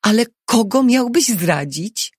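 A woman reading an audiobook who voices a frightened, quick-tempered young wife in a raised, pleading voice. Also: fairly high pitch, expressive, slightly rough, no room sound, studio quality, pitched above the performer's own voice, exaggerated voice. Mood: anxious, urgent.

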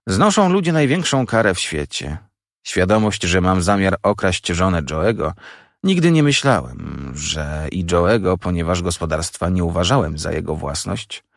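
A low, gravelly male voice narrating a classic story with animated, swinging intonation. The reading is dramatic and expressive, recorded close and dry with no room sound. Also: dry recording. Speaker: audiobook reader.

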